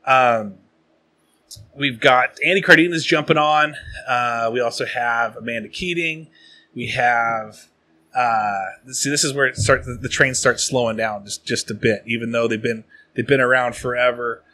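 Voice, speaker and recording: A man in his late thirties from the Pacific Northwest, hosting a casual podcast and rambling through sponsor and supporter shout-outs. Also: mid-range voice, moderate pace. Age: late 30s. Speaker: podcast host.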